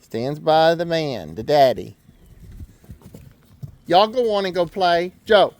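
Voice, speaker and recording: A man with a Southern US accent, talking calmly and soothingly to the family dogs outdoors in a snowy yard. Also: a little high, slow. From Arkansas, US. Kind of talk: casual home video chat.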